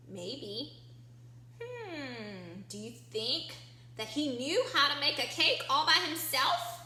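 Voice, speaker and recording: In an echoey room with a faint background hum, a woman teacher of young children reads them a picture book, giving simple explanations and prompting questions. She has a high-pitched, sharp voice.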